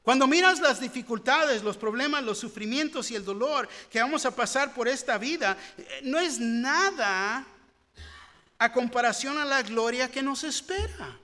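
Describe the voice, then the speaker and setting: A man's voice: very high voice, lively intonation, moderate pace, bright, forceful tone. A man preaching a sermon, earnest and rising into fervent pleading. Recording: long hall reverb.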